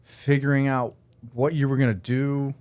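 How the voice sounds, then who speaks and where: A man hosting a podcast, relaxed and upbeat, talking in a casual, slangy way with his guest. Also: medium pitch, normal speed. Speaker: podcast host. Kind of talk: casual interview chat.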